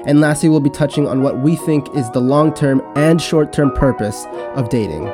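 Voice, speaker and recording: A young man hosting a casual podcast on his own, talking in a relaxed, rambling way with frequent restarts. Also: medium pitch, moderate pace, music in the background. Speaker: podcast host. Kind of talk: casual solo podcast talk.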